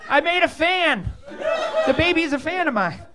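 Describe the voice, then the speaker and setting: A man doing a deadpan stand-up comedy set on a comedy club stage. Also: very high voice, normal speed, crowd noise. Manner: deadpan absurd joke delivery. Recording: live club audience behind.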